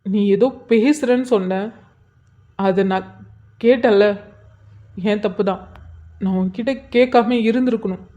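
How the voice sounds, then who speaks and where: A woman's voice: medium pitch, a little slow, pauses often, mellow, lo-fi sound, lightly acted. A woman voicing a grieving, hurt young husband in an emotional cartoon drama. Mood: heartbroken. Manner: emotional, tearful. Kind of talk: cartoon voice acting.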